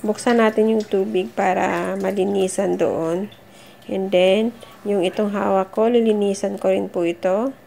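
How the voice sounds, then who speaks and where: Middle-aged woman, gravelly, friendly how-to vlogger, recorded on a phone. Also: medium pitch, steady tone, measured pace, noisy background. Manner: chatty, encouraging, addresses viewers as guys. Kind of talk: casual how-to vlog. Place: under a kitchen sink at home.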